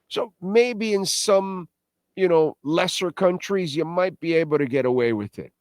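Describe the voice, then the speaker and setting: A man's voice: sits high, a little slow, darkish tone, dry recording, studio quality. A man hosting a crypto show in a casual, opinionated monologue, speaking emphatically with rhetorical questions, repetition and blunt, self-deprecating slang.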